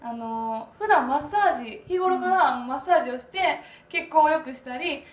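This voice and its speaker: A woman's voice: high-pitched, lively intonation, moderate pace. A young woman with a Kansai accent chatting casually as a guest on a studio talk show, holding a microphone. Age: young adult. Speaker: guest TV personality. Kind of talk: casual chat. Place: small indoor streaming studio. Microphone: handheld microphone. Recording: echoey small room.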